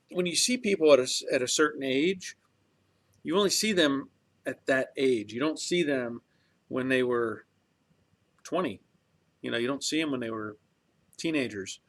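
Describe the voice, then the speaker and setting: A man in his early fifties hosting a casual livestream, chatting in a rambling, reflective way with many fillers and restarts while reading viewer comments. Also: medium pitch. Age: 50s. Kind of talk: casual chat.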